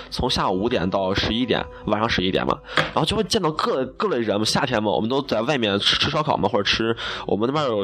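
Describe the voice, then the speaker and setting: A man's voice: on the low side, fairly bright tone. A young man from Xi'an, telling funny stories in a chatty, self-mocking way. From Xi'an, China. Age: young adult. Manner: chatty, self-mocking, laughs at own jokes. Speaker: broadcasting student. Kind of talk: casual storytelling monologue.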